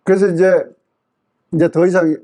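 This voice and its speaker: A man with a fairly high voice and a soft, mellow tone is preaching. He tells a personal story from the pulpit, taking on the voices of the people he quotes. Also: normal speed. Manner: lively storytelling that acts out quoted speech. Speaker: pastor. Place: church revival meeting.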